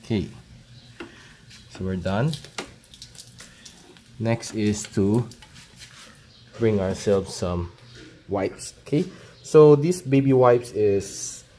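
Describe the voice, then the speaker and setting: In his thirties, this Filipino vlogger has a lowish pitch and a dark tone, walking through a how-to in a slow, halting, explanatory way. He records himself outdoors on a handheld phone camera, in a paved yard or home garage, and the clip carries clear ambient sound.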